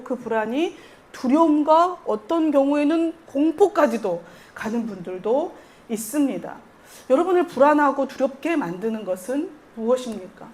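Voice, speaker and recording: A woman pastor delivers a Sunday sermon in an earnest, storytelling way. She speaks in a slightly high voice, acts out quoted lines, and shares light laughs with her congregation. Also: darkish tone.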